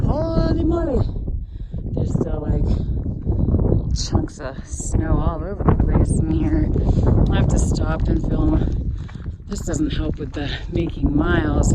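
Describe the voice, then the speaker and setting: A woman vlogging on a high mountain trail, wry and exclamatory, cheerfully complaining and swearing casually, filmed on a handheld camera outdoors. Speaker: long-distance hiker vlogging the trail. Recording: loud wind noise, outdoors.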